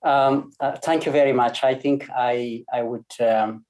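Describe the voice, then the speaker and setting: A man's voice: medium pitch, fairly even intonation, a little slow, a little mellow. A man from Ethiopia speaking as a lecturer on an online panel, hesitant with many fillers and restarts. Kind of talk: academic panel talk.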